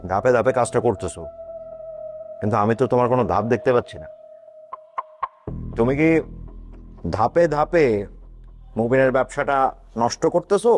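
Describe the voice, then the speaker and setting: A man's voice: mid-range voice, normal speed, pauses often, faint music behind, natural voice. An actor playing a suspicious, scheming boss who speaks sarcastically and warns the woman he addresses. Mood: sarcastic. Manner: sarcastic, warning. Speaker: boss figure addressed as elder brother. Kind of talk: TV drama acting.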